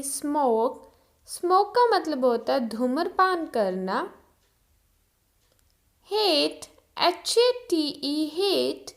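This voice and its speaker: A woman teaching English vocabulary, saying each word, spelling it out letter by letter and giving its meaning. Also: sits high. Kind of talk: slow vocabulary drill.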